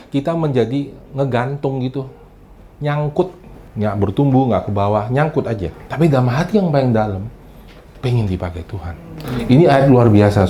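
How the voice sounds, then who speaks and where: A man's voice: medium pitch, warm tone, a little hiss or hum. A male pastor giving a casual, conversational sermon in a church hall, chatty and teasing, often turning to the congregation and mixing in English phrases.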